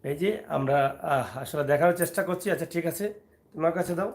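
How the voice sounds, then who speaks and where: High-voiced father vlogging. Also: fast talker. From Sylhet, Bangladesh. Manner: coaxing and teasing, talking to his child and to viewers in turn. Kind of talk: casual family vlog.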